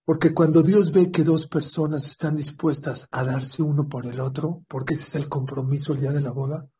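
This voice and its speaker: A speaker with a Mexican accent giving an emphatic religious talk with storytelling and questions to the audience. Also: female voice, low-pitched, fairly even intonation, moderate pace, mellow, breathy edge. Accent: Mexican Spanish. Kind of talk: sermon with storytelling. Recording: dull lo-fi recording.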